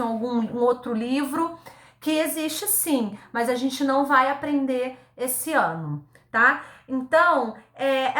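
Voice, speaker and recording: A woman teacher giving a recorded lesson to young children, speaking slowly and patiently, sounding words out syllable by syllable and checking in with a frequent "tá?". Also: high voice, fairly bright tone, roomy sound. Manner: ends phrases with a checking "tá?". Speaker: primary school teacher.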